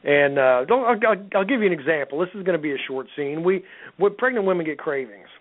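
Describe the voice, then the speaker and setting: A man's voice: a little high, animated, quick pace. A middle-aged man telling rambling stories as a guest in a casual radio chat, with many restarts. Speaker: guest author. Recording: phone-like radio line.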